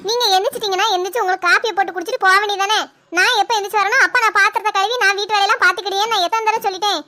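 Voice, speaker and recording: Woman doing young cartoon daughter-in-law, indignant, talks back, bright, fast. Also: very high voice, fairly even intonation. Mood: irritated.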